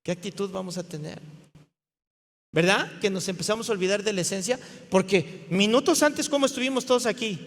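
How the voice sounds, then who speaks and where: A man preaching a sermon as pastor, acting out quotes and loud mockery. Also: sits high. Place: church hall. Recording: long hall reverb.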